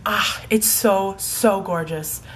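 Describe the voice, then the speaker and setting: Talking slowly in a mid-range voice, this beauty vlogger sounds stuffed up from a cold as she rambles about products she loves, peppering her talk with "like" and "um." The setting is a room at home in fading daylight.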